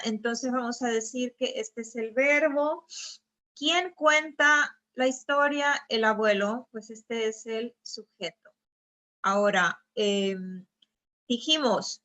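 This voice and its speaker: Slow, bright-voiced woman teaching grammar. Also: a little high. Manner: patient, explanatory, often checks with "¿verdad?". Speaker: Spanish teacher. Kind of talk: grammar lesson over slides.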